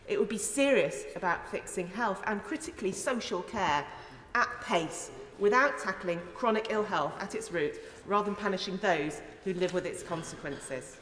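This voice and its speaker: A woman's voice: medium pitch, a little hiss or hum. A woman, a member of parliament, giving an earnest, emphatic and rhetorical speech in a formal parliamentary debate. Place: large indoor parliamentary chamber. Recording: echoey, reverberant debating chamber.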